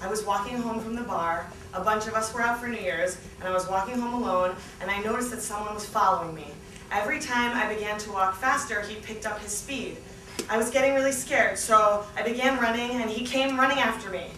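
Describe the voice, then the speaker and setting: A young adult woman, a guest reader at a book launch, gives an animated, comedic live reading of a memoir, performing the dialogue as she goes. Her mid-range voice moves fairly quickly from a lectern on a small indoor theatre stage, caught by a distant camera in a roomy, noisy recording.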